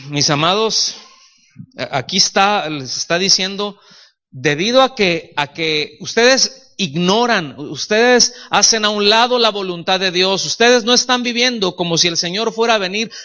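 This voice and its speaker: A man's voice: on the high side, pushed and bright. A male pastor with a Mexican Spanish accent, preaching a sermon in a conversational way, often asking the congregation questions and acting out little dialogues, sometimes sarcastic. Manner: sarcastic at times.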